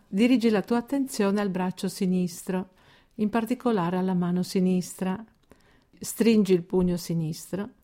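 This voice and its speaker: Calm and measured, a woman works through a scripted progressive muscle relaxation routine, leaving deliberate pauses between instructions; her pitch is medium.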